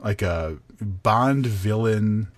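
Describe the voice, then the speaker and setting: A man's voice: lowish voice, no room sound. Blunt man with a dry close sound. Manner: blunt, halting, swears freely. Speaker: podcast co-host. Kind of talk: casual book review chat.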